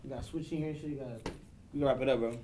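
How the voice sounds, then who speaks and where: An insistent man on the school staff keeps pushing others to wrap things up. He talks extremely fast. Clear noise sounds behind him. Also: mid-range voice, steady tone, warm tone, poor audio. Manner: pushy, insistent.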